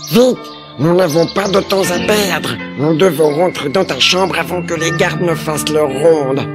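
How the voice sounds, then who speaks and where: A man voicing a kind female goose in a children's story, speaking high and slowly. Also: loud music behind the voice, close to an everyday voice. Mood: tender.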